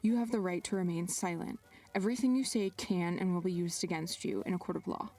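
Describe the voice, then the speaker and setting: A woman's voice: on the low side, brisk, mellow, distant mic, soft background music, lightly acted. Curt police officer, as a woman puts her on. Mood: stern. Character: stern female police officer making an arrest.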